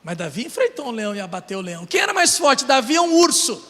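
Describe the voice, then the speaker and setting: A man's voice: very high-pitched, very animated, fast, a bit bright. A man with a Brazilian Portuguese accent preaching a passionate sermon, building with repeated phrases and rhetorical questions. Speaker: pastor. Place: church sanctuary. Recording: church hall reverb.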